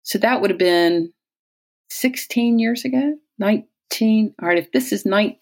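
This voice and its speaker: An American woman in her sixties from Southwest Virginia, a retired-age physician and poet, is being interviewed. In an unhurried, medium-pitched voice she tells personal stories conversationally, often quoting people she has known.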